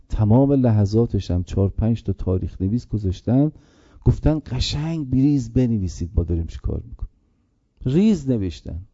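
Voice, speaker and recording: A man preaching a religious sermon, impassioned, slowing into a chanting mourning lament, on a dull lo-fi recording. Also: on the low side, mellow, no room sound. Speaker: preacher reciting a mourning elegy.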